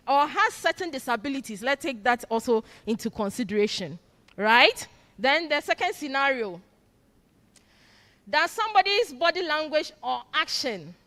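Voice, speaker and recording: A woman's voice: sits high, sharp tone. A woman giving an orientation lecture, quizzing her audience with fill-in prompts. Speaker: orientation speaker. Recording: long hall reverb.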